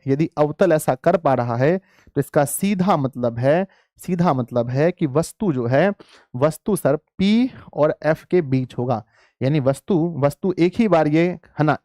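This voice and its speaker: A man's voice: fairly high pitch, mellow, no room sound, clean studio sound. A man teaching a live online class, coaxing his pupils like dear children and repeating phrases for emphasis.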